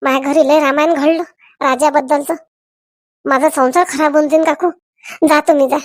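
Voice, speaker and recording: A woman voicing an anxious young cartoon wife who pleads in a hushed voice. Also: high-pitched, fairly even intonation, normal speed, no echo, studio quality, lightly acted. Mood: pleading.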